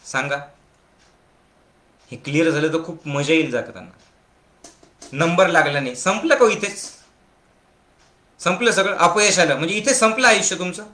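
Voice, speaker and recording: A man delivers a spiritual discourse in a fairly high, bright voice. He hammers home short, repeated slogans and keeps checking that his listeners follow. The sound carries a noticeable echo of the room. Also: normal speed, long pauses. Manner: emphatic, keeps asking listeners if they follow. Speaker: spiritual teacher.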